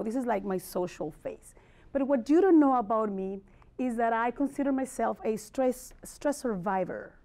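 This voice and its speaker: A middle-aged woman from Mexico City, a native Spanish speaker with a Mexican accent, speaks in a warm, somewhat high voice. Working as a motivational speaker and life coach, she gives a personal wellness presentation, talking candidly and conversationally and checking in with her listeners.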